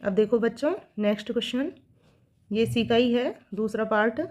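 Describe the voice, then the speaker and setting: Reading each line of a children's textbook exercise slowly before explaining it, this female school teacher goes through the material. She has a slightly high, slightly mellow voice.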